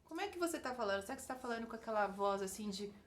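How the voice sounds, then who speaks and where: A woman talking straight to camera in an unedited vlog, chatty and gently encouraging, often tagging her sentences with "né?". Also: on the high side, expressive, racing. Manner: chatty, gently encouraging, full of "né?" tag questions. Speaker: vlogger and author. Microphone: single camera, talking straight to viewers.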